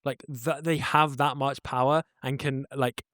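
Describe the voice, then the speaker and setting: A man's voice: mid-range voice, steady tone, unhurried, fairly bright tone, no echo, studio quality. A man co-hosting a podcast, talking earnestly and rambling with many self-corrections. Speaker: podcast co-host. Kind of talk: casual chat.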